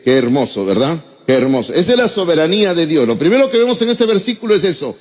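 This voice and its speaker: Middle-aged Peruvian pastor preaching in reverb. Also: male voice, a little high. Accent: Peruvian Spanish. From Peru. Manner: emotional, addresses listeners as brother. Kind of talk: sermon. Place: church hall. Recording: long church reverb.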